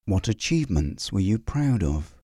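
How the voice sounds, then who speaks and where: A man leading a guided visualization meditation in a calm, soothing way, with long pauses. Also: fairly low pitch, no echo, studio quality.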